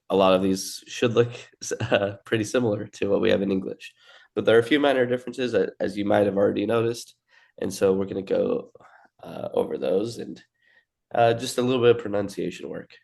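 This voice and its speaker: A young man teaching a language in a relaxed, casual way, with filler words and restarts. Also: lowish voice, vocal fry. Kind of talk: casual lesson.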